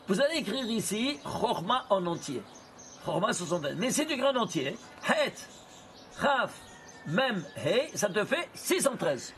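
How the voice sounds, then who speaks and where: A man giving an animated lesson, asking questions and answering them himself in rapid bursts. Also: high voice, a little hiss or hum. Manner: animated, asks and answers his own questions. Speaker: Torah teacher. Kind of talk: lively lesson on gematria.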